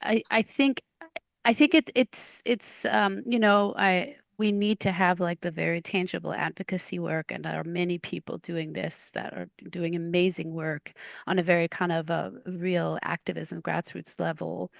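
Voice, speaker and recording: Panel guest: woman, 40s, grew up in Denmark, gravelly and dry, halting with restarts. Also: on the low side, steady tone, no echo. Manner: halting, many restarts and fillers. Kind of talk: panel discussion.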